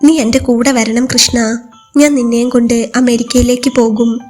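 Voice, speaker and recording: Woman voicing a gentle young man lover. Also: very high voice, normal speed, faint music behind. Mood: tender. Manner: soft, steady, reassuring.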